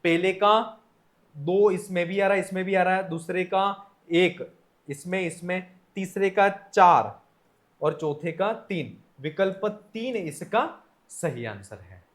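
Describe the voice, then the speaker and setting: High-pitched guy going through sanskrit test answers, reads question then explains it step by step. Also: slow. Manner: methodical, reading questions then explaining each option. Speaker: Sanskrit teacher. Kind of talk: exam test solution lecture.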